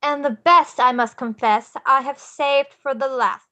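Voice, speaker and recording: A woman playing an excitable, theatrical showman in a musical script read, with declamatory, singsong phrasing. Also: high voice, measured pace. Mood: dramatic, spooky. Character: Jack, theatrical, excitable showman leader of Halloween Land.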